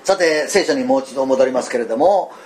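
An older man with a Kansai accent, preaching a sermon in a folksy, animated way, full of fillers and asides. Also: medium pitch, a little fast. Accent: Kansai (Osaka dialect). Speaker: pastor.

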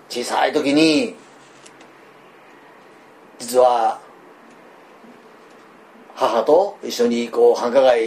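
An older man with a Kansai accent, preaching a sermon in a folksy, animated way, full of fillers and asides. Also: on the high side. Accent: Kansai (Osaka dialect). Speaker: pastor.

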